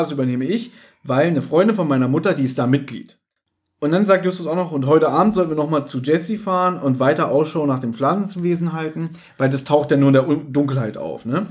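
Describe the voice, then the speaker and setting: Man, podcast co-host, casual chat, lively retelling, fairly high voice. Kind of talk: casual chat recapping an audio drama.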